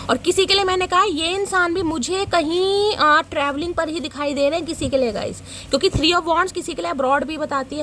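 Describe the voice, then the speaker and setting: A woman's voice: high-pitched, a bit bright, a little hiss or hum. A woman giving a casual tarot reading to her viewers, chatty and teasing, who scolds and jokes as she goes. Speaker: tarot reader.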